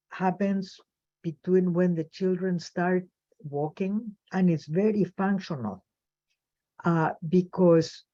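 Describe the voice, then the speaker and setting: A woman psychologist giving a webinar lecture, speaking in a measured, thoughtful way with pauses and fillers. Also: on the low side, warm tone. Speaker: child psychologist presenter. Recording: dull lo-fi webinar audio.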